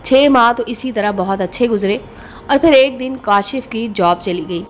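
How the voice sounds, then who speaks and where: A woman narrating a moral story in an even, gentle storytelling manner. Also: on the high side, normal speed, a little hiss or hum. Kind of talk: scripted narration.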